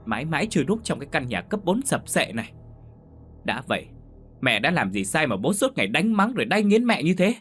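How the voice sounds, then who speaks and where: A man's voice: on the high side, sing-song, a little fast, a bit bright, breathy edge, voice pushed up, heavily acted. A man voicing a defiant teenage daughter who lashes out in raised, accusing outbursts.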